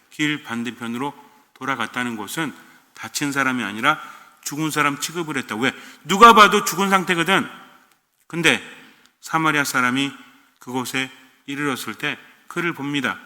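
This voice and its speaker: Korean priest with a bright, ringing voice. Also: male voice, medium pitch, in a large hall. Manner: conversational, asks the congregation questions; switches to blunt casual speech for emphasis. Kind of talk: homily.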